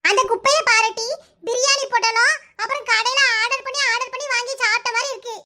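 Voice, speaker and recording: A squeaky, very high and bright cartoon voice that a woman puts on for a scheming village gossip who dodges blame. She wheedles in a Kanyakumari Tamil accent. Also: fairly even intonation, fast talker, heavily acted. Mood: evasive. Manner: wheedling, evasive.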